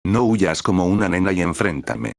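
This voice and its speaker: A man's voice: low voice, expressive, normal speed, vocal fry, no echo, clean studio sound. A man reading the lines of a brash young male cook, aggressive and insulting.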